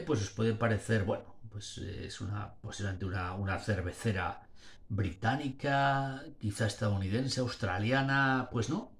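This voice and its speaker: A man in his forties reviews a beer in a casual video from a small dim room, talking at close range to a webcam or phone. He talks in a slurred, rambling way, full of restarts, and plays up being tipsy. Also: on the low side. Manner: slurred, rambling speech with restarts, playing up drunkenness. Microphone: webcam or phone at arm's length.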